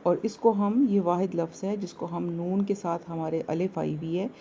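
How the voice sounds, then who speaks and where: A woman teaching a word-by-word translation lesson, saying each word slowly and repeating its meaning. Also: lowish voice, steady tone, mellow, lo-fi sound, a little hiss or hum. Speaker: Quran teacher.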